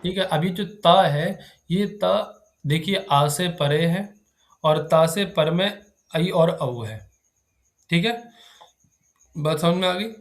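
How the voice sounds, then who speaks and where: Slightly high-voiced man teaching grammar. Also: slow. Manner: keeps checking if students understood; quizzes the class with questions. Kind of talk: live classroom lecture.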